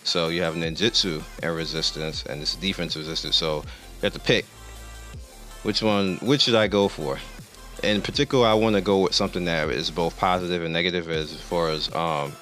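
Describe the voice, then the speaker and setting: A man's voice: low-pitched, steady tone, moderate pace, fairly bright tone, faint music behind. A man hosting a gaming channel, talking casually through game menus, rambling and correcting himself as he goes, and losing his voice. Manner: rambling, self-correcting, explains while clicking through menus. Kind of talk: casual gameplay commentary.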